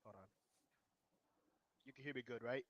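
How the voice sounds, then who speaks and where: A man's voice: medium pitch, normal speed. A man talking casually on an online call whose audio breaks up and drops out. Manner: casual, conversational. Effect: call audio breaking up, dropping out. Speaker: co-host. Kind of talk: casual sports prediction chat. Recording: dull, dry lo-fi call audio.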